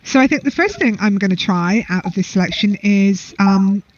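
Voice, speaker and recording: A woman's voice: medium pitch, expressive, normal speed, slight background noise. An English woman co-hosting a casual chat, chatty and rambling as she reviews snacks. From England. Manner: chatty, rambling, self-deprecating. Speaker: co-host. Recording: dull lo-fi audio.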